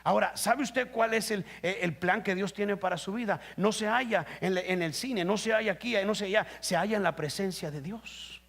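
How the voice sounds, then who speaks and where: A male pastor delivering a sermon in a high-pitched, gravelly voice. He pushes up into loud, emphatic passages, then drops low and quiet, and keeps turning to the congregation with questions. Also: normal speed, hardly any pauses. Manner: preaching with rising emphatic bursts and rhetorical questions. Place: church. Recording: live stream.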